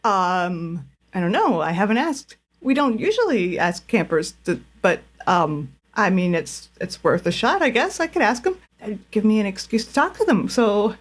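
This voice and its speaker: A woman's voice: medium pitch, big pitch swings, moderate pace. A woman voicing a young nature preserve intern who rambles and hesitates, with plenty of fillers and restarts, in a tabletop role-play.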